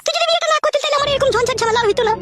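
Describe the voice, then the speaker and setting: A woman voicing village women in a comedy cartoon, shrill, scolding and lamenting. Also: rapid-fire, a bit bright, faint music behind.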